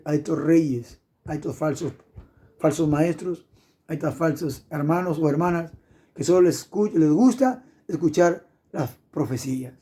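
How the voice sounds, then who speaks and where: A man's voice: fairly high pitch, dark tone, husky. A middle-aged man preaching an impassioned sermon, fervent and repetitive, punctuated with hallelujahs.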